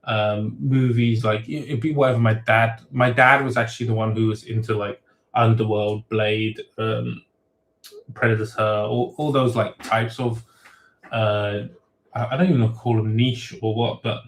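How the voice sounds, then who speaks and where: A man, an author hosting a casual livestream Q&A, reading viewer questions aloud and giving rambling, off-the-cuff answers. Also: lowish voice. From grew up in England, born in Thailand. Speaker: web novel author hosting a Q&A. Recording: roomy echo.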